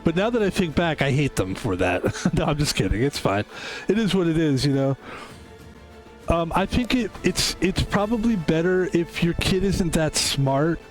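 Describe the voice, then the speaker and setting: A man's voice: fairly high pitch, big pitch swings, normal speed, soft background music. Fifty-something man streaming, rambling and reflective. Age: 50s. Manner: rambling, reflective, self-correcting. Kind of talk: casual chat while gaming.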